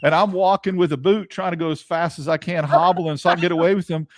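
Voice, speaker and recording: A man's voice: sits high, fairly even intonation, quick pace. A man co-hosting a sports podcast, telling stories emphatically in casual chat. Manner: emphatic storyteller, repeats himself.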